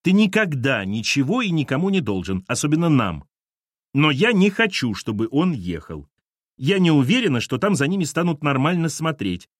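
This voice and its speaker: A man's voice: fairly high pitch, very animated, moderate pace, no echo, clean studio sound. A man reading an audiobook, voicing an insistent, reproachful woman in her thirties. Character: nervous pushy ex-wife, mid-thirties woman. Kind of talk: audiobook character voice.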